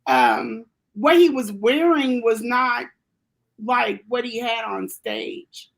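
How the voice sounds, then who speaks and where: A woman's voice: fairly high pitch, lively intonation, slow pace, vocal fry. A woman who grew up in Germany, telling a personal story as an interview guest, rambling with many fillers and restarts.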